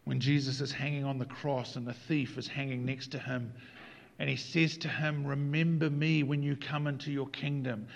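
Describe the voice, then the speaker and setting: A man preaching a sermon as pastor, moving between loud acted quotes and hushed, whispered lines. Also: mid-range voice, level tone, moderate pace, vocal fry.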